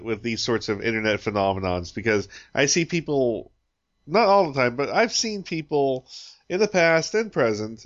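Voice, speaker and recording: A man's voice: mid-range voice, muffled recording. A man hosting a casual podcast who asks questions and teases his guests.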